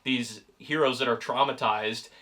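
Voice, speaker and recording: Lively male co-host, bright tense voice, a bit off-mic, jumps into character voices mid-recap. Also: recorded from a distance. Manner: animated, acts out characters in quick high voices. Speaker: podcast co-host. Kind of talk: casual comic-book review chat.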